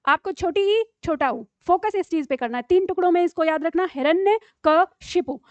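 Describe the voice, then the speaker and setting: A woman's voice: sits high, dry recording, highs cut off. A woman teacher giving a live classroom lecture, patiently explaining spelling tricks and asking her students questions. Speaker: Hindi teacher.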